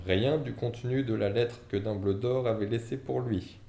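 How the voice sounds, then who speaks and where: A man voicing a huge, quick-tempered male half-giant gamekeeper, booming and indignant, in an audiobook reading with character voices. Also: steady tone, vocal fry, warm tone, close to an everyday voice. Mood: angry. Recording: echoey room, faint background noise.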